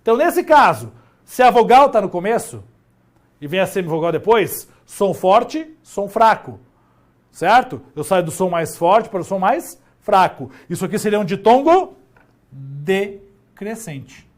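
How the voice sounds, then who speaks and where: A male teacher giving a grammar lesson, stretching key words and asking himself questions as he goes. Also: sits high. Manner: animated, drawn-out emphasis on key words, talks to himself.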